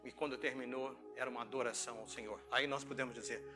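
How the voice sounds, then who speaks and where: Talking fast over music, a middle-aged Brazilian man preaches as a pastor in an informal sermon with personal anecdotes. His voice has medium pitch and a steady tone. He tells stories conversationally, acting out exchanges and posing rhetorical questions.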